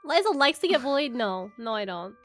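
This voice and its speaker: Giggly high-voiced woman streamer. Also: big pitch swings, brisk, a bit bright. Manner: giggly, laughs often. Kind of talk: casual chat with friends.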